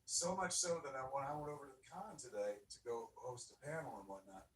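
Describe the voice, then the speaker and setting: A man's voice: mid-range voice, animated, brisk. A middle-aged man telling a long, profane convention story in a loose, rambling way, full of fillers. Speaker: podcast storyteller recounting a convention. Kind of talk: casual rambling chat. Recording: roomy distant sound with faint noise.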